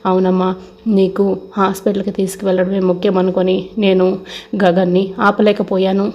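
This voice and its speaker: A woman voicing a distraught mother of grown children, read in a subdued, even tone. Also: medium pitch, normal speed, highs cut off, lightly acted. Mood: distressed.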